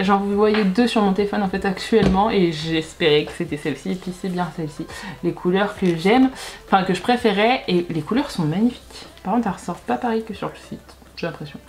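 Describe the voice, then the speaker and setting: A woman's voice: mid-range voice, fairly quick. A woman talking casually to camera in a beauty unboxing vlog, chatty and rambling, often hesitating and correcting herself. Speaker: beauty YouTuber.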